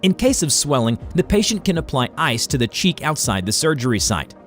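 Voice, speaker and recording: A man's voice: fairly high pitch, big pitch swings, brisk. A man reading a scripted educational medical explainer in a formal, instructional way. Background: music.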